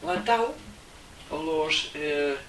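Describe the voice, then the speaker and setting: Speaking extremely slowly, a man with a Catalan accent and a voice on the high side uses lively intonation as he teaches theosophy informally to a small gathering. He meanders, voices his thoughts as they come, and frequently asks "¿eh?" A distant microphone adds faint noise.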